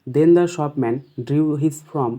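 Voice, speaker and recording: A man with a West Bengal accent teaching an exam paper, reading each English question slowly and then explaining it quickly in Bengali. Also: a little high, mellow. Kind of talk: exam paper walkthrough lesson.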